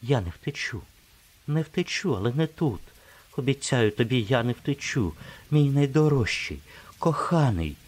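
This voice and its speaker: A man voicing a proud, sharp-tongued young woman in an audiobook, speaking in a hushed, tense way. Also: mid-range voice, lively intonation, measured pace, pitched above the performer's own voice. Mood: hushed pleading.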